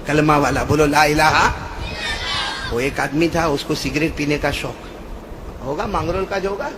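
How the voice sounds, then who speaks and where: A man preaching a storytelling sermon, calling on the crowd to answer and swinging between shouting and hushed, low talk. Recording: noisy recording.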